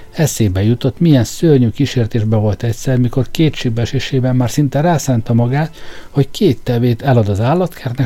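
A man narrating a storybook in a steady, measured reading voice. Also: mid-range voice. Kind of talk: audiobook narration.

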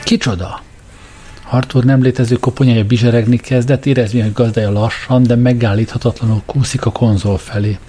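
A man narrating an audiobook in a measured, even way. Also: medium pitch, husky.

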